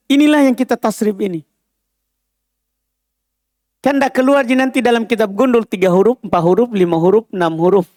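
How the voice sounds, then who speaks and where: A man's voice: sits high, dry recording. Guy teaching a class, keeps asking if you got it, dry close sound. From Indonesia. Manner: explanatory, asks students rhetorical checks. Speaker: Arabic teacher. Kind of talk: classroom lesson.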